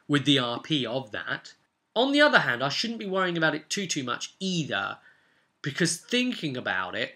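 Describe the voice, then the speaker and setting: A game master and vlog host muses casually about tabletop role-playing in a reflective, rambling monologue, questioning himself with tag questions as he goes. His mid-range voice sounds pushed and bright.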